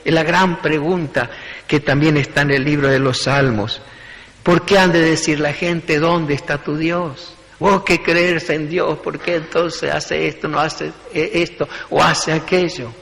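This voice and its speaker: A man's voice: fairly high pitch, fairly even intonation, unhurried, vocal fry, a bit bright, in a large hall, rough recording. A man preaching a sermon as pastor, building emphasis through short repeated phrases.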